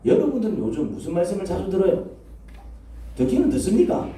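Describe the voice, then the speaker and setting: A man's voice: sits high, wildly swooping pitch, fast talker, warm tone, a little hiss or hum. Echoey preacher quizzing his congregation. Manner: rhetorical questions to the congregation. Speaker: pastor. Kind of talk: sermon. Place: church sanctuary. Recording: echoey church from a distance.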